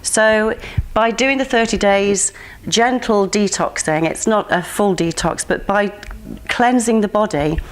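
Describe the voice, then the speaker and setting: A woman's voice: medium pitch, measured pace. A woman, a pageant contestant and nutrition coach, giving earnest, explanatory interview answers with frequent "um"s.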